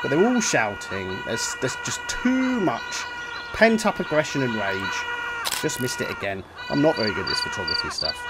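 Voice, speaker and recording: A man commentating his own playthrough of a game in an animated, joking, self-mocking way, full of exclamations. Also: mid-range voice, normal speed, very noisy. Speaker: gaming video host. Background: game music.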